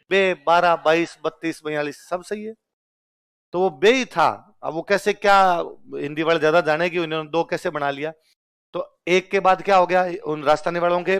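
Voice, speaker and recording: With a clear, resonant, fairly high-pitched voice, a Rajasthani man teaches an exam-prep lesson. He keeps firing questions at his listeners and then answering them himself in call-and-response fashion.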